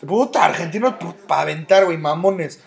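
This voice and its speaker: A man's voice: on the high side, normal speed, gravelly. A man with a Mexico City accent, co-hosting a casual, profane chat with friends. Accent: Mexico City Spanish. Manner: profane, slangy banter. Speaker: podcast co-host.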